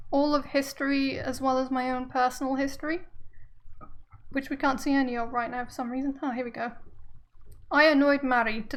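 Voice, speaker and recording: A woman's voice: sits high, a bit bright. A woman giving casual let's play commentary on a story game, chatting as she plays. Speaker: video game streamer playing a story game.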